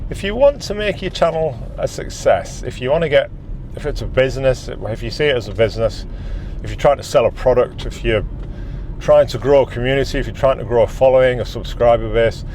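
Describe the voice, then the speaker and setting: Sitting in his car, a middle-aged British man who vlogs on YouTube talks candidly to his phone in its windscreen holder, rambling a little. His voice is medium in pitch, a little mellow and fairly quick, with slight background noise. A numb mouth from dental anesthetic makes his speech slightly off.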